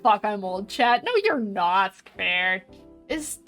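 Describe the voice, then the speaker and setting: A woman's voice: mid-range voice, lively intonation, slow, fairly bright tone. A woman in her twenties chatting casually with her stream viewers while drawing, reading their messages aloud and laughing often. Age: 20s. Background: faint background music.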